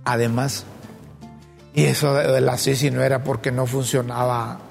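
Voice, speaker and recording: A man's voice: mid-range voice, little pitch movement, normal speed, creaky, big-room sound, soft background music. A man from Honduras co-hosting a casual political talk show, reading news notes aloud with frequent restarts.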